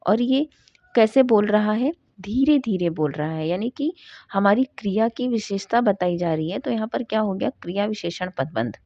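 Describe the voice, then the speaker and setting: A woman teaching a grammar lesson, asking questions and answering them herself and slowing down to read out example sentences. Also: mid-range voice, lively intonation, dry recording. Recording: dull dry lo-fi sound.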